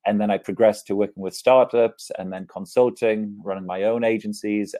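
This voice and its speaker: A man's voice: lowish voice, mellow. A man in his thirties with an English accent, giving an upbeat keynote talk over a video call from his office. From England. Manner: upbeat, gestures with his hands as he talks. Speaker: keynote speaker. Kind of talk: online conference presentation. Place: office, indoors. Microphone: earphone mic on a video call.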